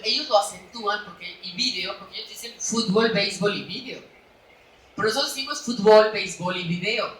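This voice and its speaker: Animated Mexican woman in an echoey hall. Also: on the high side, recorded from a distance. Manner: animated, chatty, frequent "¿no?" tags. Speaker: author presenting her book. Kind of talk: lively public talk at a book fair. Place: large echoey hall at a book fair.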